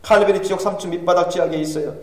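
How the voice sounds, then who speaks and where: A man's voice: high voice, steady tone, racing. A male pastor preaching a fervent, urgent sermon in a church sanctuary, heard from a distant microphone. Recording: echoey church hall, far mic.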